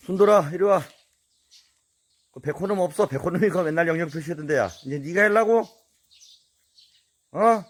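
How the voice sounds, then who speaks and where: A man casually talking to his dogs and the camera, loudly coaxing and scolding them outdoors. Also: on the high side, lively intonation, fairly quick, long pauses. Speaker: channel host living in nature. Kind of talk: casual talk to dogs and viewers.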